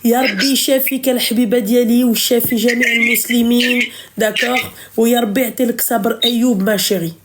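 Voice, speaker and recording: A woman's voice: a little high, steady tone, moderate pace. A woman hosting a call-in advice talk, fervent, affectionate and emphatic.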